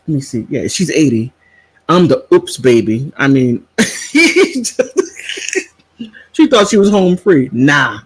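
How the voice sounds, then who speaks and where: A man's voice: medium pitch, animated, moderate pace, breathy edge, dry recording, poor audio. A middle-aged man chatting in a casual vlog, sassy and digressive, wandering off topic and back. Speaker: vlogger.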